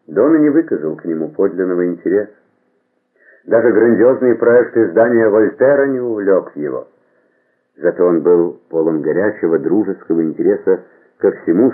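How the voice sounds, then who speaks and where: Male narrator, scripted audiobook reading, measured and expressive, deep husky voice, tinny phone-like sound.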